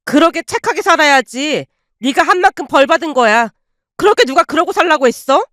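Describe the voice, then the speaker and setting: Woman doing a loud, furious scolding aunt. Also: sits high, animated, no echo, studio quality. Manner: loud, fast, scolding tirades. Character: fierce, furious middle-aged aunt, sharp-tongued.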